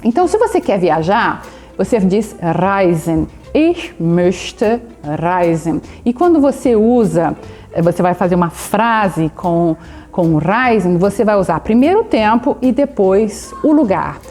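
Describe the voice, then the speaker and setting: Woman, language teacher, mellow low-toned delivery, slows to model phrases, rolled R, faint music underneath. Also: lively intonation. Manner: fillers of "né?" and "tá bom?" to check in with the viewer; rolls her R the southern German way. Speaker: German teacher. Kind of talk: language lesson.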